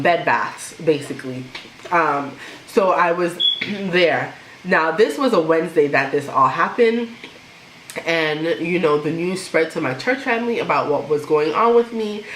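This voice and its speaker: Young woman chatting to camera about her story, kinda low voice, echoey room w/ a little hiss. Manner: animated, laughs while telling, imitates others. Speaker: vlogger telling her pregnancy story. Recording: echoey room with faint noise.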